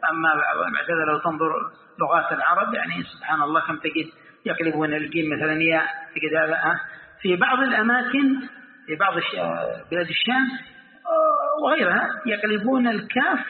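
A high-pitched man gives a classroom lesson, quizzing his listeners and repeating each important phrase. His voice comes through tinny and phone-like, and it rings with the long reverb of a large hall. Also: lively intonation, quick pace, vocal fry. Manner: repeats key phrases, asks students questions. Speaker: sheikh teaching Quran commentary. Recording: tinny, echoey hall recording.

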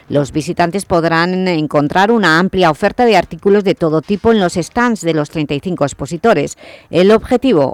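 A man reading a local radio news bulletin in a steady, measured way. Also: high voice, clean tone, no echo.

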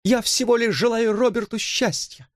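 A man's voice: very high-pitched, moderate pace, no room sound, studio quality, voice pushed up. A man voicing an earnest, anxious young woman in an audiobook reading, speaking in a tense, pleading, trembling way.

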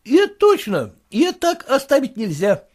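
A servile, eager shop clerk fussing over his master in a high, lively voice, as a man reading the story puts him on. His tone is deferential and fawning throughout. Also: fairly quick, heavily acted.

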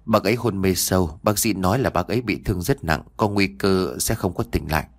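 A man's voice: sits low, fairly quick. A man voicing a devoted young wife in an audio story, anxious and pleading.

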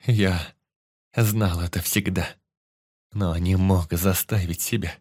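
A man's voice: sits low, steady tone, takes it slowly. A man voicing a despairing, guilt-ridden young male hero who cries out in anguish. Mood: broken despair. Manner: anguished shouting.

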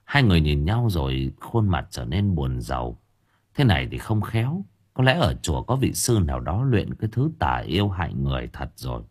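Deep, husky male storyteller. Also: brisk. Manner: expressive, varied intonation. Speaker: audiobook narrator. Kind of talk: storytelling narration.

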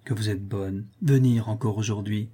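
A man voicing a gentle, melancholy young prisoner who speaks softly and hesitantly. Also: lowish voice, steady tone, moderate pace, husky. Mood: tender. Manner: soft, hesitant, grateful.

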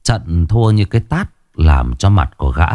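Low-voiced somber male storyteller. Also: sing-song, moderate pace, dark tone, no echo, dull audio. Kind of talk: scripted ghost story narration.

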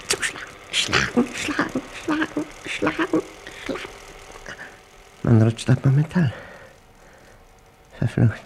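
Using a full character voice, medium-pitched and creaky, an actor portrays an obsessed, paranoid man in a radio drama monologue. He battles a machine he dreads, his intense speech broken into halting, clipped fragments.

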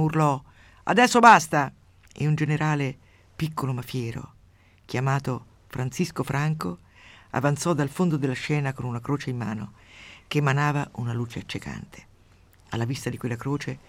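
A woman radio host reading a literary passage aloud with dramatic swings from hushed to loud, then chatting with a guest. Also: low voice, dry recording.

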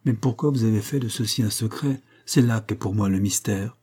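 Un homme qui lit une jeune femme douce mais ferme, la voix montée, posée et insistante, dans un livre audio. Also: male voice, on the low side, brisk, dark tone, slightly rough.

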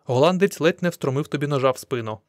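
A man's voice: fairly high pitch, quick pace, dry recording, studio quality, lightly acted. A man voicing an old male prospector in a storybook, speaking in a raised, emphatic way. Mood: excited. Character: old male prospector, excitable and loud-spoken.

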